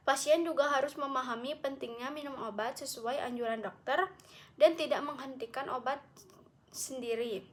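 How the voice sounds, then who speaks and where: A young woman, a medical student, giving a recorded class presentation, reading carefully and correcting herself often. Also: high-pitched. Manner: careful explanatory reading with frequent self-corrections.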